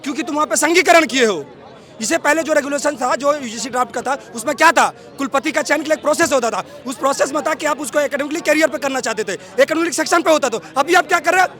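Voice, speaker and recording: A man, a student leader, giving a heated, defiant interview at an outdoor street protest, speaking into a reporter's handheld mic. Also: very high-pitched. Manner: heated and defiant, shouting over a crowd. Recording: crowd noise at an outdoor protest. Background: crowd noise.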